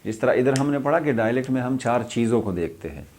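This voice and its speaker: A man's voice: mid-range voice, lively intonation, darkish tone, a little hiss or hum. A young adult man from Pakistan, an English lecturer explaining a lesson, repeating points and mixing in English terms.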